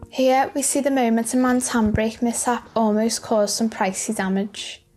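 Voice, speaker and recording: A woman's voice: on the high side, steady tone, normal speed, a little mellow. A woman reading scripted narration for light news video clips. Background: music.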